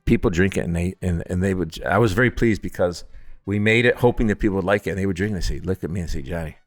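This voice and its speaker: Man, very low voice, dry close sound, faint music underneath, animated storyteller, jokey and self-deprecating. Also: fast talker, dry recording. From Upstate New York. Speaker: distillery founder and distiller. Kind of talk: casual interview storytelling.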